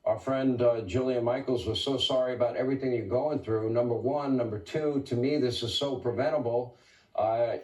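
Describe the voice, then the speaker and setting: A man hosting a broadcast interview, introducing his guest and pressing her with brisk, leading questions. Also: mid-range voice, a little mellow, echoey room, far from the mic, low-quality recording. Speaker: talk show host.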